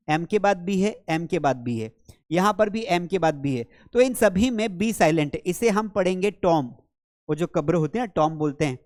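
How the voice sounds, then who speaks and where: A man with an Indian accent and a high-pitched voice teaches an English lesson in Hindi, repeating words and quizzing the viewer the way a classroom teacher would. The studio recording is clean, with no room sound.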